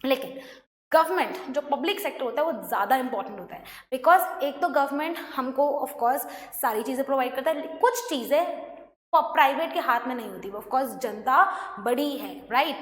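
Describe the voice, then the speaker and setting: A woman's voice: high voice, animated, moderate pace. A woman teaching an online class, mixing Hindi and English and explaining by asking her students questions. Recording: echoey room, faint noise.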